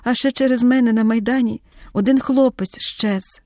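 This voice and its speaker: Woman reading tired grieving young girl, soft n subdued, dry close audiobook. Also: fairly high pitch, steady tone, moderate pace, dry recording, lightly acted. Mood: upset.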